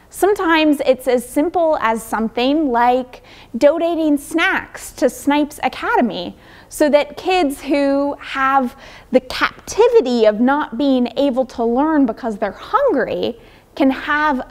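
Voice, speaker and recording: High, unhurried woman pastor for children. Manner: gentle, storytelling, speaking to children; moving around, gesturing with props. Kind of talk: children's sermon. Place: large church sanctuary, indoors. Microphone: far camera.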